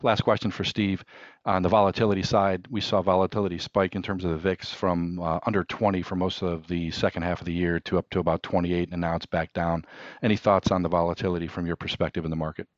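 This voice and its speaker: Male financial podcast host, very low and fast, businesslike, dry dull recording. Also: level tone, no echo. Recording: dry, slightly dull audio.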